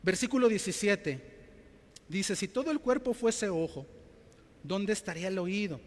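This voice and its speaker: A man's voice: high voice, animated, normal speed, in a large hall. A male pastor preaching a sermon to his church, telling stories and acting out quotes, often calling out to his brothers and sisters. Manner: storytelling preacher, acts out quotes, addresses "mis hermanos".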